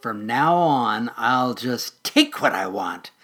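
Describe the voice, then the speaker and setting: A man's voice: mid-range voice, big pitch swings, takes it slowly, fairly bright tone, exaggerated voice. A man voicing a sly, greedy old male mole who talks in a greasy, wheedling way. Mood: menacing.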